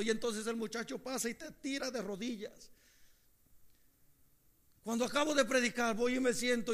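A man preaching a sermon, moving between hushed storytelling and impassioned shouting. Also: high voice.

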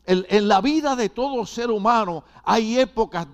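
Older male pastor, high-pitched, preaching with repeated rhetorical questions. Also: moderate pace, clear, resonant tone. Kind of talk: sermon.

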